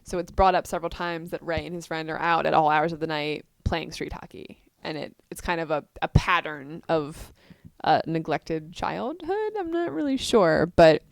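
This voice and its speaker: A woman in a casual two-person chat who retells scenes with lively emphasis. Her voice is smooth and clear, a little low for a woman, recorded close and dry. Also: moderate pace, no room sound. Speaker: co-host. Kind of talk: casual discussion of book versus film.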